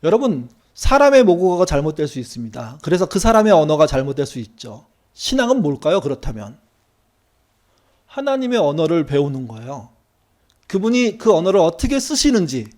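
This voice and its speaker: A man's voice: high-pitched, darkish tone. A middle-aged male pastor giving a conversational sermon, acting out quoted lines from church members and his wife. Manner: conversational preaching with acted-out quotes.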